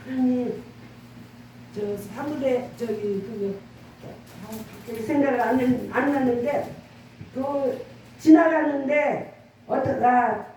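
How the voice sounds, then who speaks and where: A woman's voice: sits high, slow, long pauses, darkish tone, slight background noise. A middle-aged woman pastor preaching a sermon in earnest, conversational tones, often drawing responses from her congregation. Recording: roomy, echoey church room from far off.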